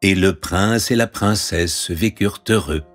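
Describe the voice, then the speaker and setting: A man reading a fairy tale aloud, expressive and playing every character. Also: deep voice, unhurried, faint music behind. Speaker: storyteller. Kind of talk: storybook reading.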